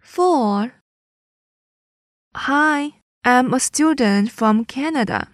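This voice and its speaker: Woman reading test sentences really slow, slightly high voice, dry sound. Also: no echo. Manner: careful, each sentence read twice. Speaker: listening test reader.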